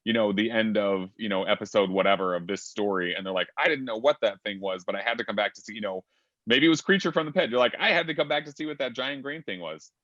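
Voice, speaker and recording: On a video call, a man hosts a casual panel discussion, chatty and rambling with lots of fillers. His voice sits on the low side, quick and a bit bright, with no echo, though the lo-fi call audio sounds dull.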